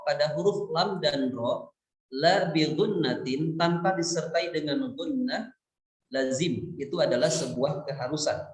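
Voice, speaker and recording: A man translating and explaining a recitation lesson, unhurried and spelling out each term. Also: fairly high pitch, echoey room, rough recording. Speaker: interpreter for the lesson.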